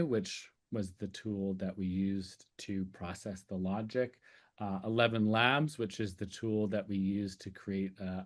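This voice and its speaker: A man giving a conference talk in a loose, conversational way, with many "um"s and "uh"s. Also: fairly low pitch. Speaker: speaker and sessional lecturer.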